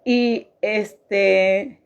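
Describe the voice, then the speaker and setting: Woman sharing a faith testimony, slow and halting, with a gravelly edge, heard on a dull lo-fi recording. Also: mid-range voice, steady tone. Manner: halting, repeats phrases. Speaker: woman giving a personal testimony.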